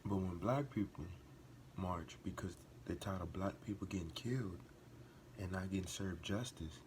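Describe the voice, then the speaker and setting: A man hosts a reaction video in a low, slightly mellow voice at normal speed, with a little hiss or hum on the recording. He talks earnestly and passionately, repeating and restarting phrases as he builds toward emphatic outbursts in casual reaction commentary.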